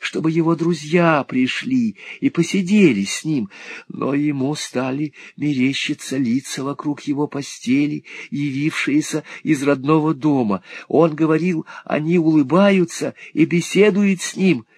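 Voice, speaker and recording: A man voicing a frightened, timid young man in an audiobook, with a high, trembling, pleading voice. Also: steady tone, measured pace, darkish tone, husky, no room sound. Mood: haunted.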